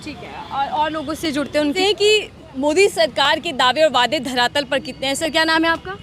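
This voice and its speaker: Woman street reporter, high pitch, outdoor vox-pop, challenging tone. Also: normal speed, a bit bright. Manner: pointed, challenging questions.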